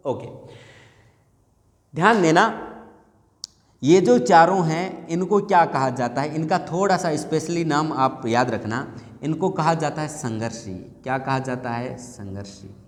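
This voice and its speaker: A man teaching a Hindi grammar lesson for exam prep, asking questions and answering them himself. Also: a little high. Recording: echoey room with long reverb.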